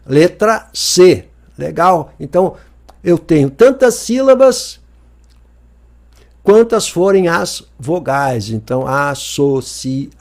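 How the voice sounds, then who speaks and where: Male teacher, higher voice, jokey and lively, talks straight to the viewer. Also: slow pace. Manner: lively, joking, asks the viewer questions often. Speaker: Portuguese teacher. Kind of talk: exam-review lesson.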